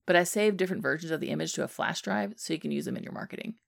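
A woman's voice: on the low side, very fast, vocal fry. A woman reading the lines of a wry friend who speaks dryly, with a smirk. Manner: dry, smirking.

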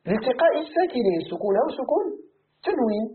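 Speaking rapid-fire in an extremely high-pitched voice, a Moroccan-accented man leads a Quran commentary lesson in class, animatedly questioning students and supplying the answers himself. The audio is tinny, like a phone, with slight background noise.

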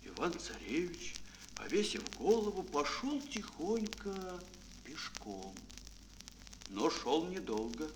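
A man with a fairly high voice narrates a children's fairy tale slowly, with big swings in pitch. His delivery is theatrical, dramatic and declamatory, set against prominent music and a noisy background.

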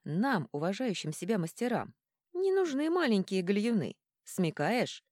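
A woman voicing a gruff, blunt male dwarf guild foreman in a storybook reading. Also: mid-range voice, very animated, moderate pace, a little mellow, no echo, clean studio sound, pitched above the performer's own voice, lightly acted. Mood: insistent.

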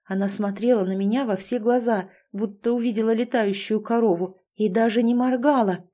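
A young woman reading a first-person fantasy novel aloud, with lively storytelling. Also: on the high side, normal speed. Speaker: audiobook narrator.

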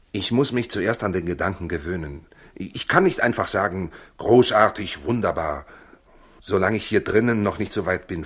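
In a 1960s German radio play, a male actor with a lowish, fairly bright, husky voice portrays a proud working husband torn by doubt. He sounds weary and defensive.

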